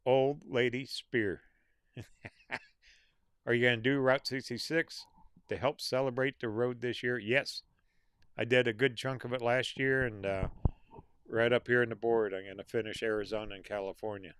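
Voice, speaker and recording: A man is losing his voice as he hosts a live stream, his mid-range voice a bit worn yet fairly bright and clean. Steady and at a normal pace, with frequent pauses, he reads out viewer names and comments with small laughs and answers their questions in a casual chat.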